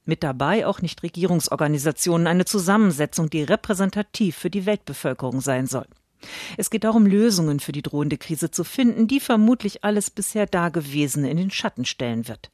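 A woman critic reading a scripted radio book review in a measured way. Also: on the low side, animated, darkish tone, no room sound, studio quality.

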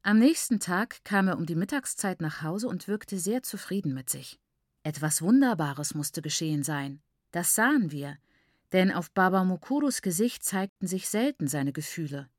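A woman reading a first-person novel aloud in a calm, even narration. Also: fairly low pitch, moderate pace, dry recording. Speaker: audiobook narrator. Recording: dry close studio recording.

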